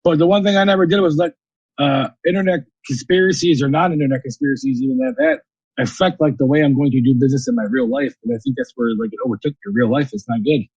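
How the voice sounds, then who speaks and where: A man's voice: a little high, lively intonation, darkish tone, slightly rough, no room sound, dull audio. A man arguing insistently in a voice chat, full of fillers like "like". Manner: fast, insistent, filler-heavy. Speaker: voice chat debater. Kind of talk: heated voice chat argument.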